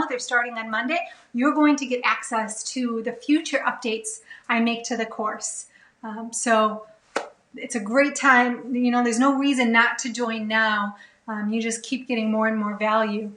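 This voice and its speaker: A woman's voice: on the high side, bright, forceful tone, echoey room, rough recording. A woman hosting a live cooking class Q&A, chatting with many fillers and reading viewer comments aloud while she chops in her kitchen. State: a little out of breath. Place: home kitchen.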